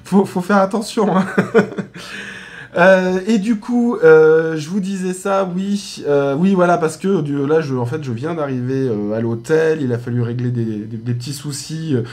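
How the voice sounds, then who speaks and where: A man's voice: fairly high pitch, unhurried, a little mellow. A man with a French accent in a hotel room, teaching aromatherapy in a casual live stream, chatty, full of fillers and restarts. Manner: chatty, many fillers and restarts, laughs at himself.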